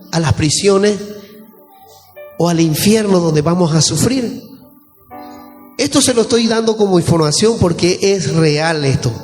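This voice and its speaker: A man's voice: high-pitched, a little mellow. A male pastor with a Bolivian Spanish accent preaching a sermon, explaining scripture and questioning the congregation. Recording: echoey church hall with faint music.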